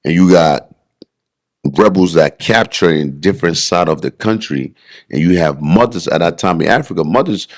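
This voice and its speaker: A man's voice: low voice, lively intonation, moderate pace. A man in his forties from Liberia, speaking, tells his story as a podcast guest in loose, slangy talk. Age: 40s. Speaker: guest bodybuilder.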